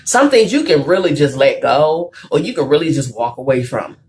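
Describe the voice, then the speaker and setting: A woman's voice: low-pitched, animated, normal speed, a little mellow, a little hiss or hum. A woman hosting a live talk show, telling a story in a conversational way, reading out viewer comments and driving her point home emphatically. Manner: emphatic, preachy. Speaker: talk show host and counselor.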